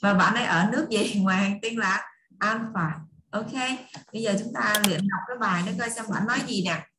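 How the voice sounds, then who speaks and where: A woman's voice: mid-range voice, fairly quick. Sex: woman. Role: English tutor. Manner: coaxing, repeating, explaining. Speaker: online English tutor for children. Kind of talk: teaching English to kids. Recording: echoey room, faint hiss and clicks.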